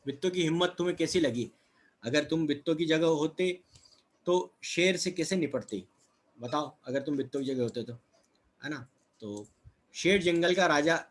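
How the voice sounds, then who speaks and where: A man teaching a children's textbook lesson, asking questions and then answering them himself, checking in with little tag phrases. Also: fairly high pitch. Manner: asks questions then answers them, repeats words with "है ना" and "ठीक है".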